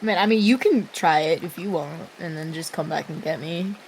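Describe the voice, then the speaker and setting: A woman's voice: low voice, moderate pace, slight background noise, low-quality recording. A woman playing a tabletop game, talking hesitantly with lots of fillers. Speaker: player. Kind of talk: casual tabletop play.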